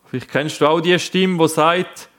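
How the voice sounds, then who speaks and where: A man's voice: a little high, steady tone, normal speed, fairly bright tone. A man preaching a sermon, speaking earnestly and addressing the listeners directly.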